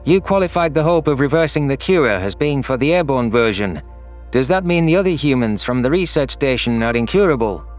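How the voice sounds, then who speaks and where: A man tells a scripted science fiction story as its narrator, taking the first-person role of an alien consumed by anguish and guilt. His medium-pitched voice is expressive and a little fast over soft background music.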